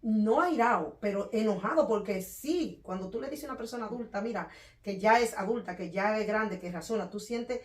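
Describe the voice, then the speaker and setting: A woman from the Dominican Republic with a Dominican accent, talking loudly and quickly in a casual conversation about faith and handling anger. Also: medium pitch. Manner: loud, fast, animated talker. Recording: echoey room, voice from a distance.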